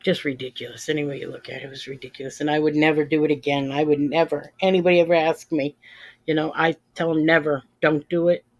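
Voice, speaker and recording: A woman in her fifties talks fast in a low, level, slightly mellow voice while casually chatting with her livestream viewers. Plain-spoken and emphatic, she repeats phrases to underline them.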